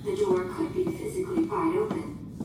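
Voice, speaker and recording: A woman plays the ship computer in a sci-fi audio drama, delivering calm, formal, emotionless lines with literal precision. Her voice is extremely high, with fairly even intonation at a moderate pace, heard in a very echoey, distant recording full of noisy ambience.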